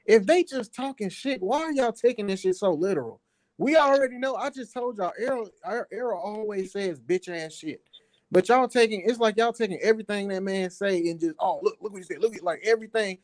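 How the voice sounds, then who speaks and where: A man's voice: high voice, animated, a little fast, darkish tone, dry recording. A man debates sports casually but hotly. He is defensive and slangy, hammering phrases by repeating them. The sound is very dry and close. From New Orleans, United States. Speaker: guest debater on a boxing talk show.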